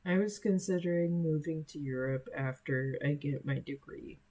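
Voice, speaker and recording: Speaking to viewers in a relaxed, unhurried way, this young adult streamer from the US, a native Spanish speaker, hesitates often and leans on fillers. The voice is mid-range and somewhat dark.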